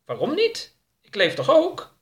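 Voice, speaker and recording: A man's voice: very high-pitched, wildly swooping pitch, unhurried, pitched above the performer's own voice, exaggerated voice. A man voicing a naive, cheerful young man who asks innocent, literal questions.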